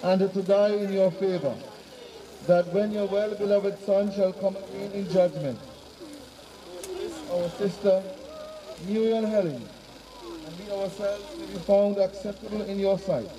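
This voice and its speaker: A man's voice: sits high, a little slow. A man officiating as clergyman, reciting a solemn, formal graveside prayer outdoors. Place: outdoor cemetery on open grassy ground. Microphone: far camera behind the speaker. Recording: distant mic outdoors, gathered crowd noise.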